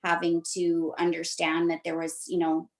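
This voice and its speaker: A middle-aged woman from Romania, a podcast guest telling her story in a reflective, measured way. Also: on the low side, monotone, creaky, echoey room. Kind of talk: interview conversation.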